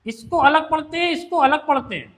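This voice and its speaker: High-voiced shorthand teacher. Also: male voice, brisk, a bit bright. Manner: explains step by step, asks students questions. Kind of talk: classroom lesson.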